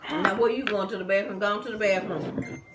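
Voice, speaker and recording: A woman's voice: mid-range voice, fairly even intonation, a little fast, heavy background noise. A woman chatting bluntly and gossiping with family during a meal at home. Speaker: family member at the table. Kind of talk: casual family chat. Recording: loud dish and cutlery clatter.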